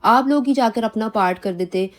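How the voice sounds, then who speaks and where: A woman reaction vlogger with a Pakistani Urdu accent, giving heated commentary on online drama and rambling indignantly with many restarts. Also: fairly high pitch.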